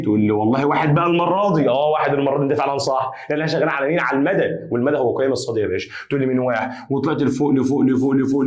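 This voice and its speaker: A man with an Egyptian accent teaching maths at a rapid clip. He talks to his students in a chatty, emphatic way and repeats key phrases over and over. His voice sits at a middle pitch. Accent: Egyptian Arabic. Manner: chatty, addresses students as "ya basha"; repetitive, emphatic. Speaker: math teacher. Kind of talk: energetic whiteboard lesson.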